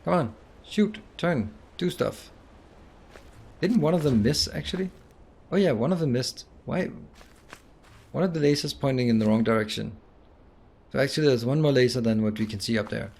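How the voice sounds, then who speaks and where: A man's voice: mid-range voice, animated, moderate pace, gravelly, pauses often, darkish tone, husky. Man thinking aloud over a puzzle game. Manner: thinking aloud, muttering, self-mocking. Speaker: gaming video host. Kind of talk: blind puzzle game let's play.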